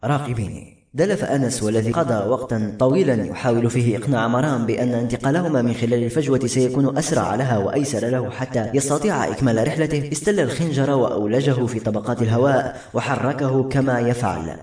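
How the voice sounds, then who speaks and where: A man reading a novel aloud as an audiobook narrator, steady and brisk. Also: mid-range voice. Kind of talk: scripted narration. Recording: echoey room, faint music. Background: faint music.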